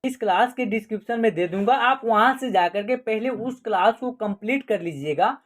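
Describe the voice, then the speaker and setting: A woman's voice: fairly high pitch, normal speed. A woman teaching an online class, explaining step by step and asking questions that she then answers herself.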